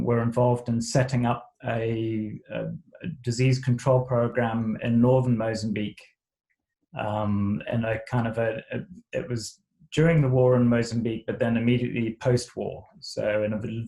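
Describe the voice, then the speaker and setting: Raised bilingual in Shona and English, this middle-aged man from Zimbabwe recounts his life as a guest in an interview, stumbling through fillers and false starts. He has a medium-pitched, gravelly, dark voice, captured on a rough recording.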